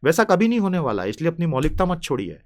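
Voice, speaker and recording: Indian guy teaching english vocab, kinda high voice, goes up and down a lot, chatty and playful, drags out the key words. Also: very animated, quick pace. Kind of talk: spoken vocabulary lesson.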